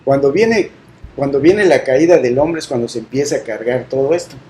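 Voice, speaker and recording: Middle-aged man, earnest halting testimony, warm dark tone, faint noise behind. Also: mid-range voice, poor audio. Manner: earnest, halting storytelling with restarts. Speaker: guest sharing testimony. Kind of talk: personal faith testimony.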